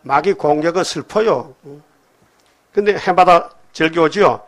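An older man preaching a sermon in a church, animated and firing rhetorical questions at the congregation. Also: fairly high pitch, a little slow. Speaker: pastor. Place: church sanctuary.

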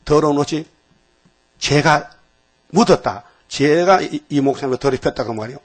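Husky-voiced man preaching casually. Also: on the high side, moderate pace. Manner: folksy, chatty, asks listeners questions. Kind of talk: informal sermon to a small congregation.

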